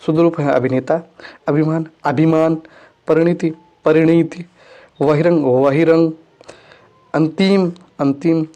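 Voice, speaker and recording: Warm in tone and fairly high in pitch, a man teaching Hindi grammar runs through correct and wrong spellings for exam preparation, repeating every word twice and fixing his own slips as he goes.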